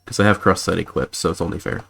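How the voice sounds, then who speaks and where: A man's voice: low-pitched, steady tone, fast talker, creaky, fairly bright tone. A man streaming a video game and chatting casually, laid-back and joking. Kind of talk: casual let's-play commentary.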